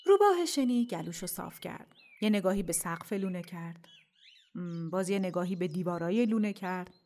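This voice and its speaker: A woman hosting a children's audio story series, narrating in a gentle, intimate, softly spoken way. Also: lowish voice, expressive, noisy background. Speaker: storyteller host.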